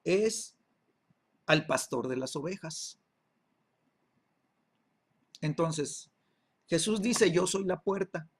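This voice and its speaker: A man's voice: fairly high pitch, lively intonation, drawn-out words, long pauses, husky. A man teaching an online Bible class, checking in with listeners through constant tag questions and repeating words while he searches for the next one. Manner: peppers speech with tag questions.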